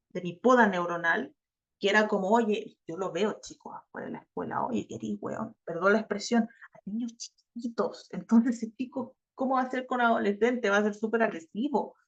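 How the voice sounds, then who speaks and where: A woman with a Chilean accent teaching an online class, chatty and talking straight to her students. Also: mid-range voice. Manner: chatty, addresses students directly, acts out quoted teens. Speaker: course instructor. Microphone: video call. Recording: lo-fi muffled video-call audio.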